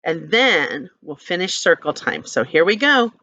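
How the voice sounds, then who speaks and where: A woman's voice: fairly low pitch, very animated, a little slow, pushed and bright, highs cut off, a little hiss or hum. A woman leading circle time as a teacher, talking and reading to toddlers in simple, repeated phrases and questions. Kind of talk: reading and singing along to young children.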